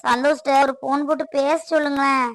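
A woman's voice: sits high, steady tone, a little fast, dry recording. Woman playing a protective fussing mother. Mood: complaining. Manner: consoling, scolding, talkative.

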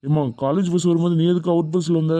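A man voicing a strict middle-aged college lecturer in an animated cartoon, scolding students and demanding answers. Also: a little high, fast talker, no room sound, lightly acted. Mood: stern.

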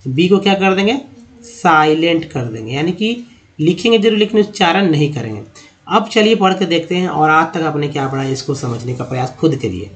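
A man's voice: a little high, animated, a little fast. A middle-aged man teaching English pronunciation as a lesson, repeating words and answering his own questions. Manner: repetitive, drilling, asks and answers own questions. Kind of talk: classroom-style lesson on pronunciation.

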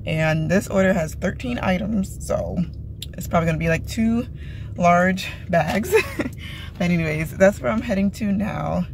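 A woman's voice: lowish voice, moderate pace, darkish tone. A woman delivery driver chatting casually to her viewers, recorded on a phone video. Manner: chatty, talks straight to viewers. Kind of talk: casual vlog chat. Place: inside a car. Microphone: phone camera. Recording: phone video with car noise.

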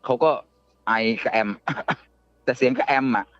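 Halting man telling a ghost story. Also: fairly bright tone, dry recording, dull audio, faint music behind. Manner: halting, repeats words and restarts often. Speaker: guest storyteller. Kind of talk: casual ghost story telling on a live show.

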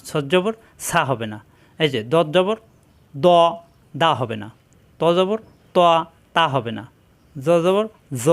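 Male Quran reading teacher, slightly high voice, patient repeat-after-me drilling. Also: a bit bright. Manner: slow, drilling repetition of syllables. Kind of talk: spelling out Arabic letters in a recorded lesson.

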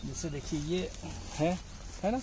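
A man's voice: fairly high pitch, unhurried, a little mellow, rough recording. A man in his forties explaining a farm outdoors, speaking patiently and pointing things out, recorded close up on a phone camera. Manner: patient, points things out and keeps saying "look". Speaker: farm guide. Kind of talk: explaining a farm on a walking tour. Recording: clear outdoor noise behind.

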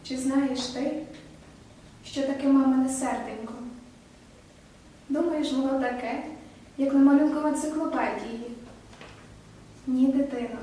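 A woman reads a children's tale in a gentle, measured manner, her voice high yet mellow. She is heard from a distance in a very echoey room. A faint noise lies beneath her. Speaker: student narrator. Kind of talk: reading a children's story aloud. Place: improvised studio in a room.

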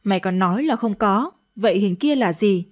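A woman's voice: mid-range voice, lively intonation, moderate pace, a little mellow, lightly acted. A woman reading a radio story, voicing a stern, angry elderly father who scolds his daughter harshly. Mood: scolding.

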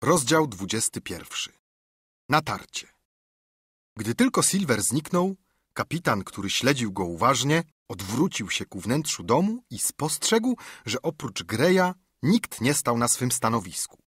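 A man reading an audiobook in measured, even storytelling narration, recorded on a studio mic. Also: mid-range voice, breathy edge, no room sound. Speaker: audiobook reader. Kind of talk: scripted narration.

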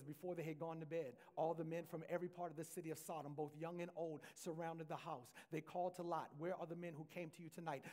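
Male pastor, high voice, preaching with call-and-response, live church mic. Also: a little mellow. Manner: reads scripture aloud, slowing down to stress key phrases. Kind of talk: sermon. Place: church sanctuary.

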